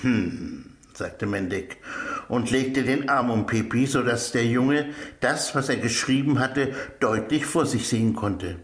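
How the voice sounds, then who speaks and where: A man narrating a children's audiobook in an expressive storytelling manner. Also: mid-range voice, a little slow.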